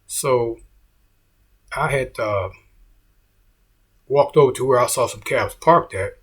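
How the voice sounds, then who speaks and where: A man's voice: medium pitch, slow, husky. A middle-aged man, a comedian, telling a story in a laid-back way and saying "man" often.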